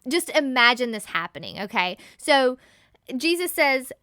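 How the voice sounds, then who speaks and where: A woman giving a casual Bible teaching as a podcast host, animated and laughing often as she acts out everyday scenes. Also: sits high, a little slow, clear, resonant tone, no echo, studio quality.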